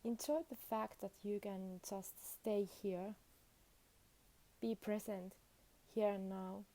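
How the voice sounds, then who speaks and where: A meditation teacher, a woman, guides listeners with short soothing phrases and long pauses. Her medium-pitched voice is warm, though her delivery is flat.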